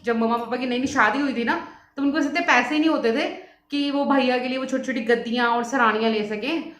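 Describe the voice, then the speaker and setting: A young woman chatting casually and quickly as a beauty vlogger at home, often laughing as she talks. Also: fairly high pitch, a bit bright. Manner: fast-talking and laughs often. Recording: echoey room sound.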